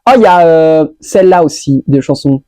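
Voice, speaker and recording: A lifestyle vlogger with a low, warm voice speaks briskly through a monthly roundup, her delivery scattered and packed with fillers. She drops English words in as she goes. The recording is dry, with faint music playing in the background.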